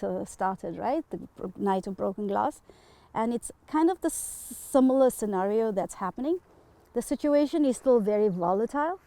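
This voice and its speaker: A South African woman speaking earnestly as an interview guest, pausing often with fillers. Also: medium pitch, gravelly, warm tone, no echo. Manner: earnest, halting with many fillers. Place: home.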